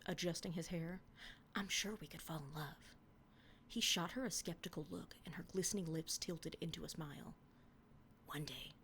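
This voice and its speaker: As a podcast reader, a young woman reads her old fan fiction in a hushed near-whisper, then talks about it with giggling, self-mocking remarks. Her voice is lowish, with a little hiss or hum.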